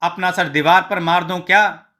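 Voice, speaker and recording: A man doing a shrill scolding village wife. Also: steady tone, normal speed, pushed and bright. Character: sharp-tongued village wife, middle-aged, scolding.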